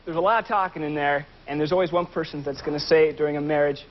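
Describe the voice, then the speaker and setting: A man's voice: a little high, steady tone, quick pace. A man giving unscripted answers as a contestant on a television game show. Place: television studio. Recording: dull old TV audio, audience behind.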